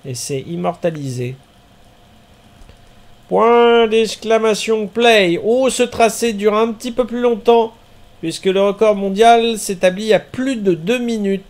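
A man streaming a marbles race game, commenting in a chatty way with bursts of excited exclamations. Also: high voice, moderate pace.

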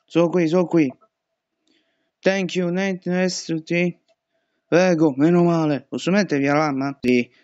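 A man's voice: fairly high pitch, steady tone, a little slow, long pauses, no echo, muffled recording. A young man commentating a horror game, panicking and swearing at every scare. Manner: panicky, swearing and shouting at jumpscares. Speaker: gaming youtuber.

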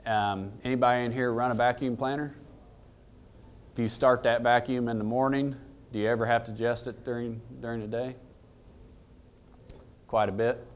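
With a mid-range, steady voice at normal speed and frequent pauses, a man in his thirties presents as an equipment dealer in a conference room. The technical talk is casual, down-to-earth and folksy, and he often questions the room.

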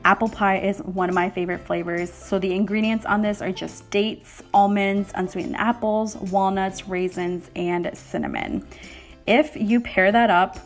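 A woman talks through a grocery haul in a friendly, upbeat voice-over. Her pitch sits in a middle range, and she sounds chatty, with small laughs between points. Soft music plays faintly underneath. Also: animated, normal speed. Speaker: vlogger.

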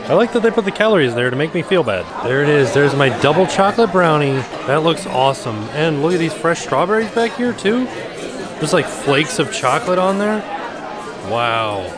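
A man's voice: fairly high pitch, expressive, normal speed. Chatty man vlogging over music and crowd. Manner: chatty, enthusiastic food commentary with frequent "ooh". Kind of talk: casual vlog narration. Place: outdoor shopping plaza and indoor restaurant.

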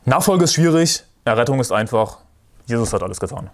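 Forceful combative male preacher. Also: medium pitch, animated, fairly quick. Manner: forceful, combative preaching, repeats verse references. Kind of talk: sermon.

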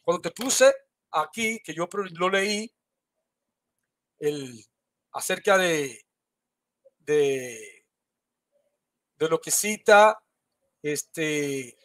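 Man, high-pitched, heated debater, accusatory, repetitive, video call. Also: a bit bright.

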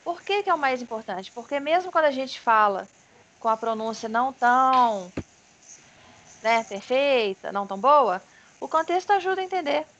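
Brazilian woman teaching English online, higher voice. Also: animated, fairly bright tone, highs cut off. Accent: Brazilian Portuguese. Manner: patient, explanatory, models pronunciation slowly. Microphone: video call. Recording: video call with faint background noise.

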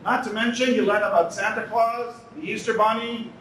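A Canadian man from Toronto gives an earnest lecture at a podium in a large indoor banquet hall, repeating key lines for emphasis. His voice sits high and steady, fairly bright, at a normal speed. The podium mic picks him up from a distance, so the hall sounds echoey, with slight background noise.

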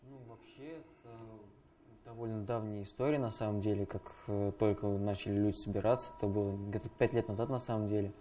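Very dark-voiced young man, halting. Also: fairly low pitch, slight background noise. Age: young adult. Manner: halting, loose speech with fillers. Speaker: member of a student study circle. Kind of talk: casual answers in a panel discussion.

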